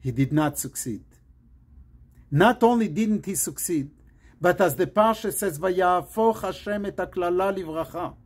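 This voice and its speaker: A man from Morocco, a rabbi, giving an earnest pre-Shabbat sermon in short, measured phrases. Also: high voice, slightly rough.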